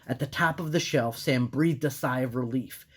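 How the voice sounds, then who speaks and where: A woman storyteller narrating a children's story in an animated style. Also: extremely low pitch, moderate pace, husky.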